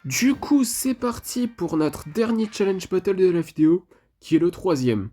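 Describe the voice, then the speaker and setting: A man's voice: high voice, expressive, moderate pace, dark tone, faint music behind. A man giving casual commentary over his mobile game match, chatty and leaning on filler phrases. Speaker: mobile game channel host.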